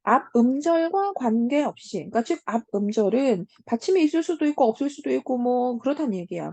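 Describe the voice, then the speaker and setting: A woman teaching grammar in an online lecture to high school students, often asking "right?" and filling pauses with "so" and "um". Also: dark tone, no room sound. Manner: fills pauses with "자" and "음", asks the class check questions.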